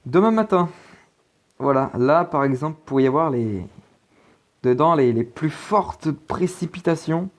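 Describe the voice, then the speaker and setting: A man's voice: a little high, lively intonation, measured pace. Hesitant man giving a weather update. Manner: hesitant, many fillers and restarts. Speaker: amateur weather presenter. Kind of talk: casual forecast commentary over weather maps.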